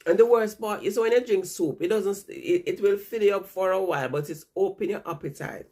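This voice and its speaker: In a warm, medium-pitched voice and at a fairly quick clip, a woman vlogger rambles to her viewers despite a stuffy nose from a cold. She's chatty and tends to repeat herself.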